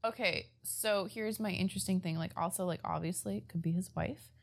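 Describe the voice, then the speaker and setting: A woman's voice: fairly low pitch, brisk, creaky. A woman co-hosting a casual chat, reacting dramatically and swearing freely. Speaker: podcast co-host.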